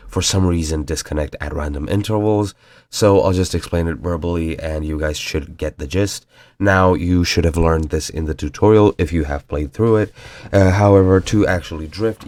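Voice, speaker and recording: A man's voice: rumbling low, darkish tone, no echo. A young man with a cold and a nasal voice, casually explaining a video game mechanic as a tutorial host, with fillers and apologies. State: has a cold.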